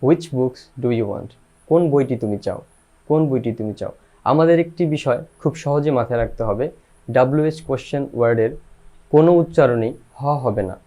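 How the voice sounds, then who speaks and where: A man teaching an English pronunciation lesson, spelling out letters and repeating each word slowly for the viewer. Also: medium pitch, mellow.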